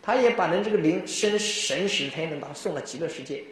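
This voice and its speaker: A man giving a Buddhist dharma talk, telling stories in an animated way and often chuckling. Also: a little high, fast talker. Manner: animated storytelling, frequent chuckles. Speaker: Buddhist teacher. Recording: very echoey room.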